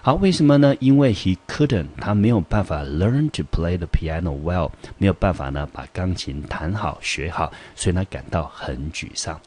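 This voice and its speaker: A middle-aged man with a Taiwanese Mandarin accent teaches English vocabulary methodically, repeating each term and reading the example sentences slowly. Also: deep voice, lively intonation, darkish tone, slight background noise. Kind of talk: vocabulary lesson.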